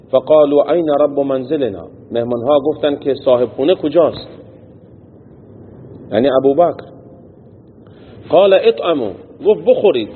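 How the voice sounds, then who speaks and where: A man teaching as a religious teacher. He reads a text phrase by phrase and explains each part in plain everyday words. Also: medium pitch. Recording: tinny phone-like sound with long hall echo and faint noise.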